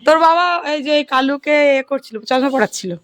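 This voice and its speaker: A young woman, chatting to her viewers in a casual family vlog at home and calming a child as she films on her phone. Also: sits high, fast. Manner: chatty, pointing things out to viewers, soothing a crying child. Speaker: family vlogger, mother.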